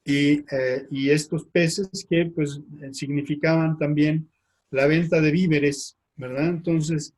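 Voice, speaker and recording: Slow, halting Mexican priest lecturing. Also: male voice, on the high side, fairly even intonation, darkish tone. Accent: Mexican Spanish. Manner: slow, halting, with many fillers and tag questions. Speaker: priest teaching. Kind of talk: slide-based lecture.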